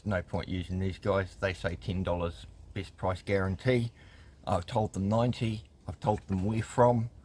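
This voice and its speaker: A consumer rights vlogger from New Zealand, a man with a deep, husky voice, tells a customer complaint story in a wry, exasperated way. He reads emails aloud, with lots of ums.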